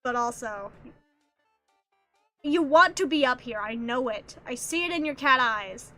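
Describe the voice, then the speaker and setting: A woman's voice: high voice, expressive, unhurried. A woman streaming a game, chatting casually in a giggly, rambling way and coaxing her cat in a playful voice. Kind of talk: casual gameplay streaming chat. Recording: faint background music. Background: soft background music.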